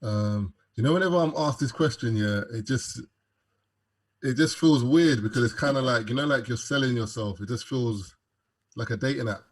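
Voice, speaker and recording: A man's voice: medium pitch, moderate pace, breathy edge. A young man with a London accent, a podcast guest chatting casually and joking with plenty of fillers. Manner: laid-back, joking, lots of fillers. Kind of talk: casual interview chat.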